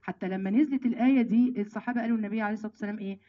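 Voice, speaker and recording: Fast-talking Egyptian woman teaching scripture. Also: medium pitch, muffled recording. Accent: Egyptian Arabic. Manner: lively, emphatic, addresses listeners as sisters, slows down to recite verses. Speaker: Quran teacher. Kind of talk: religious lesson to women.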